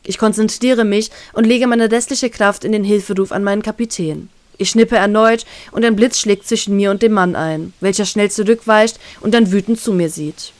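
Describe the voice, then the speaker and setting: A woman narrating a first-person fan-fiction story in a calm, even storytelling way. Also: mid-range voice, normal speed, hardly any pauses, no room sound. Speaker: reader, narrator.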